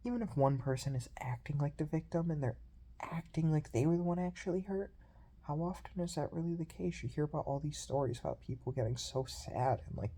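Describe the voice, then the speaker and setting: A young man talking through a personal video diary in a reflective, rambling way, with many fillers and pauses. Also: a little high, dark tone, slight background noise. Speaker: video journal host.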